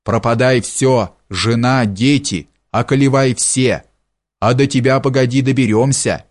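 Reading an audiobook, a man with a medium-pitched voice plays a poor peasant who first pleads slowly, then curses in fury. The acting is light, but the mood is furious.

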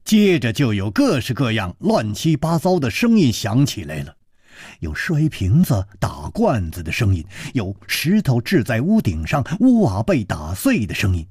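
A man's voice: mid-range voice, wildly swooping pitch, moderate pace, a little mellow, breathy edge, dry recording. A man narrating a radio story with a dramatic, sweeping delivery, recorded close.

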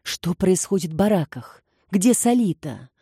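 A woman's voice: fairly low pitch, very animated, a little slow, mellow, husky, dry recording, studio quality, full character voice. Woman reading a firm, commanding young heroine. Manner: firm, urgent orders.

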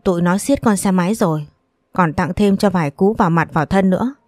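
A loud-mouthed but cowardly older brother in a storybook, begging and whining for help, as a woman reads him. The voice is low and recorded dry and close. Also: a little fast, no echo, natural voice. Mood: pleading. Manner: pleading, whining.

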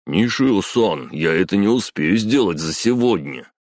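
A man's voice: low-pitched, expressive, unhurried, a little mellow, dry recording, studio quality, voice pushed up. A man reading a story, voicing a put-upon heavyset male office worker who mumbles and complains. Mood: complaining.

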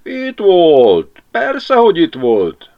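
A man's voice: a little high, wildly swooping pitch, pitched above the performer's own voice. A man voicing a sly, sleepy village man with a mocking, yawning drawl in a lo-fi audiobook reading. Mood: gloating.

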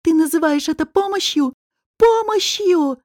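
A woman voicing a terrified young woman, high and strained. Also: a little slow, darkish tone, no room sound, studio quality. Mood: defiant. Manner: high, strained, pleading and defiant. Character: frightened young red-haired woman defending herself. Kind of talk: audiobook character reading.

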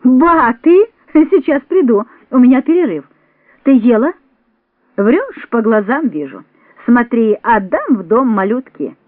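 A woman's voice: on the high side, very animated, measured pace, dry recording. A woman reading a brash, teasing young clerk. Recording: dry, tinny phone-like sound.

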